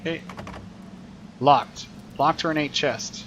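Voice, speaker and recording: A man's voice: a little high, takes it slowly, fairly bright tone, a little hiss or hum. A man teaching while he plays a video game, explaining what happens in a chatty way and thinking aloud. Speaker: teacher streaming gameplay. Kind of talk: casual gameplay commentary.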